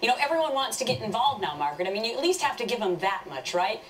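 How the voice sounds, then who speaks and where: A woman hosting a TV morning show, presenting and questioning a guest in a brisk, probing way. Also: fairly high pitch, sing-song, recorded from a distance, a little hiss or hum, rough recording. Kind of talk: live TV news interview.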